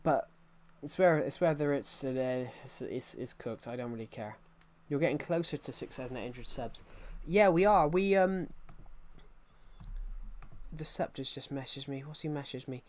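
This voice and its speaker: A young man in his early twenties talking through a live game stream. He rambles from one subject to the next and answers chat messages as they come in. His voice sits at an ordinary mid pitch. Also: moderate pace. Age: early 20s. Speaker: livestreamer. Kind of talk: casual livestream chat while gaming.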